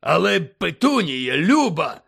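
A man's voice: a little high, sing-song, slow pace, creaky, fairly bright tone, breathy edge, exaggerated voice. A man voicing a stout, furious, bullying middle-aged uncle who bellows and splutters in an audiobook. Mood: timid. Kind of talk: audiobook character voice.

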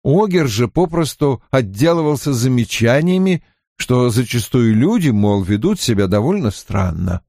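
A male audiobook narrator with a mid-range voice. He reads at an even, measured pace. The recording is dry, with no room sound. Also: mid-range voice, dry recording. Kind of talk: scripted narration.

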